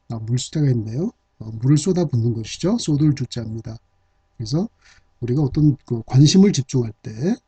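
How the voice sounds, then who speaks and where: A man's voice: mid-range voice, mellow, husky, no room sound. Man teaching hanja with many fillers. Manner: frequent "아" and "어" fillers, explanatory. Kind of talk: hanja vocabulary lesson. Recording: dull, slightly lo-fi dry recording.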